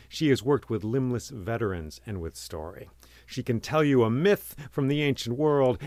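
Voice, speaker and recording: A man hosting a podcast, reading a scripted introduction in a measured, poetic delivery. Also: mid-range voice, no room sound. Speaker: podcast host. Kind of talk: scripted podcast introduction over soft music.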